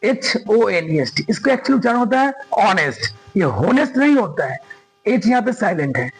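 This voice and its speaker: A male teacher explains grammar in a very high, husky voice. He talks emphatically, repeats his main points and keeps checking that his students follow. The recording has a thin, lo-fi radio-like sound. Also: big pitch swings, fairly quick, soft background music. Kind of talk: classroom lesson explaining grammar.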